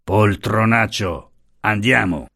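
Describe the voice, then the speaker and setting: A man voicing a brash male companion who speaks in a gruff, threatening way. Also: lowish voice, slow pace, pushed and bright, no room sound, clean studio sound, heavily acted.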